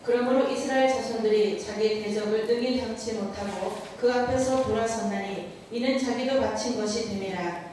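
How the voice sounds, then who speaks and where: A woman reading a scripture passage and its commentary aloud in a steady, formal way. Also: fairly high pitch, slight background noise. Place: large church hall. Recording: echoey hall from far off.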